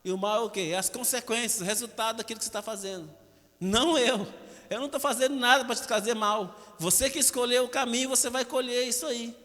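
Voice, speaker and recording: A man's voice: extremely high pitch, steady tone, fast, pushed and bright. A man preaching a sermon as pastor, with a Brazilian accent, emphatic and asking rhetorical questions over and over. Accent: Brazilian Portuguese. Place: church. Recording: long church hall reverb.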